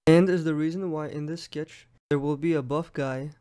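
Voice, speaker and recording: A man's voice: on the high side, steady tone, moderate pace, mellow. A young man, friendly and explanatory, narrating a drawing lesson for a medical exam as its host.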